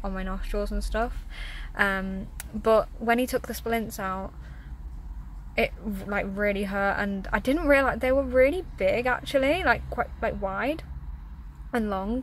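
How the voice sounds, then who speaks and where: Candid young woman vlogger, casual and halting. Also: mid-range voice, slight background noise. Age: young adult. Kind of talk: casual personal update to camera.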